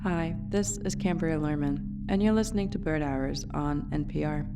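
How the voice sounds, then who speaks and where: A woman playing a polished public radio host, announcing a nature sound program in a smooth, scripted manner. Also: deep voice, moderate pace. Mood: upbeat. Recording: loud music bed behind voice. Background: loud music.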